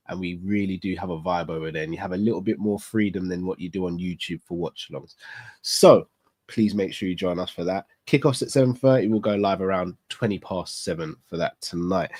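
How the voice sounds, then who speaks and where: Congested from a cold, a man hosts a football fan channel's live stream from a small studio set with club decor. His voice is lowish and darkish, the recording dry, and he chats candidly and casually, thinking aloud with rhetorical questions.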